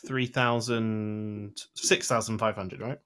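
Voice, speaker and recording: A man's voice: lowish voice, fairly even intonation, slow pace, fairly bright tone, clear, resonant tone. A man chatting casually as a player in a tabletop game with friends. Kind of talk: casual chat among players.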